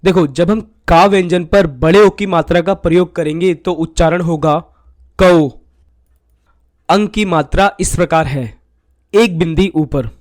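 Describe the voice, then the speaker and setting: Guy with a high voice teaching a grammar lesson slowly, keeps saying look, dry close sound. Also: darkish tone, no room sound. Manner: slow, explanatory, repeats "देखो" often. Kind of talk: scripted Hindi grammar lesson.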